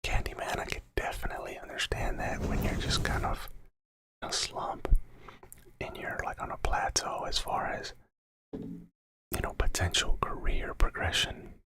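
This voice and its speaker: A man's voice: a little slow, rough recording. A man from Cuba who grew up in Florida, whispering on a casual ASMR live stream, chatting with viewers close to a sensitive microphone. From born in Cuba, raised in Florida.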